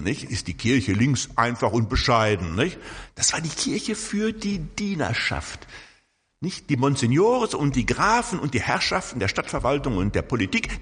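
An older man preaching a sermon, telling stories in a lively way and often tagging his sentences with a questioning "right?". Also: mid-range voice, husky, long reverb tail. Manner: lively storytelling with frequent tag questions.

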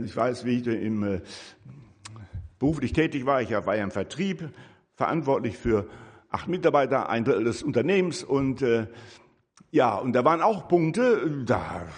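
A man's voice: mid-range voice, slightly rough. An older man giving a conversational sermon as a lay preacher, breaking into rising, emphatic bursts. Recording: echoey hall.

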